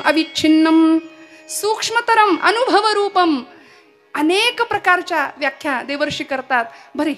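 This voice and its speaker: A woman's voice: high-pitched, a bit bright. A woman performing a devotional kirtan sermon. She tells the story with passion and chants Sanskrit verses between her sentences. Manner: impassioned storytelling, chant-like recitation.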